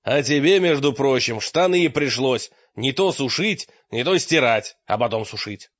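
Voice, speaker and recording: A man voicing a gruff, mocking warrior. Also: medium pitch, steady tone, moderate pace, fairly bright tone, no echo, close to an everyday voice. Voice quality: gruff, growling. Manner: rough teasing banter. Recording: dry, dull lo-fi audio.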